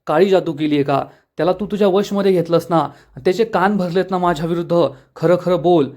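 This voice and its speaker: A man voicing a furious, superstitious middle-aged mother in a dramatic serial recap, with rushed, accusing lines. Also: sits high, darkish tone, lightly acted. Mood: angry, accusing.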